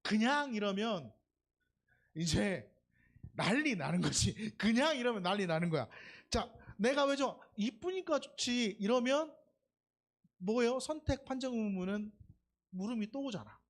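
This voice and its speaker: Lively preacher acting out dialogue. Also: mid-range voice, measured pace, pauses often. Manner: lively and conversational, acting out quoted dialogue, asking the congregation questions. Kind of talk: sermon. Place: church sanctuary during Sunday worship.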